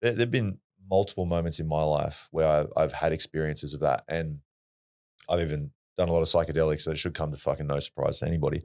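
Very deep-voiced Australian man. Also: fast, a little mellow. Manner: blunt, swears freely, earnest. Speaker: podcast guest. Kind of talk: casual storytelling.

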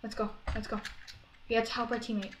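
Excitable gamer woman in an echoey room. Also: a little high, quick pace, slight background noise. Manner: chatty, bursts into excited shouting over kills. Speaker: gaming channel host. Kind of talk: casual gameplay commentary.

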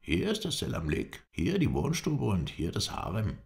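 A man's voice: deep voice, huge pitch swings, normal speed, gravelly, voice pushed up, heavily acted. A man voicing a fawning, eager male house watchman who is keen to please.

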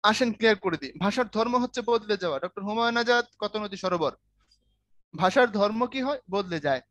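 A man's voice: high voice, lively intonation, fast talker, fairly bright tone, no echo. A man giving an online Bangla grammar lesson. His voice is close and dry, with no room sound behind it. He jokes easily and keeps stopping to ask whether the class is following. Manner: joking, keeps checking students follow. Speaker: Bangla language teacher.

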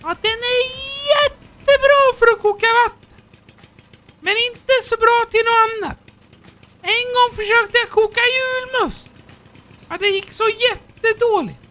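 A man voicing a squeaky, childlike male character who keeps up a fussy, silly running commentary while playing a game. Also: pauses often, bright, forceful tone. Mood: chattering.

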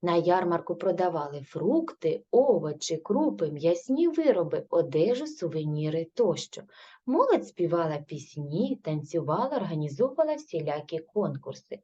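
A woman's voice: lowish voice, sing-song, normal speed, mellow, a little hiss or hum. A woman teacher with a Ukrainian accent giving a primary school language lesson, patiently asking questions and answering them herself. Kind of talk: recorded grade-three language lesson. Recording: dull lo-fi recording.

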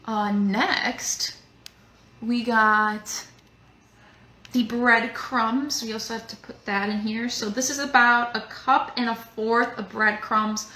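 In an echoey home kitchen with noise in the background, a young woman hosts a live museum cooking demo, chatty, rambling and heavy on fillers. Her fairly high voice is slow and steady, with a sharp tone. She's a young adult.

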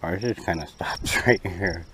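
A man's voice: low voice, unhurried, a bit bright. A man chatting casually to his viewers while recording a camping vlog out in the open. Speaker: outdoor camping vlogger. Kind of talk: casual outdoor vlog chat. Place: outdoors on an open rocky lakeshore. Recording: outdoor action camera, faint background noise.

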